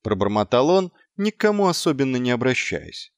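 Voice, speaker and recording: A man narrating an audiobook with expressive storytelling. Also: medium pitch, brisk, dry recording, clean studio sound.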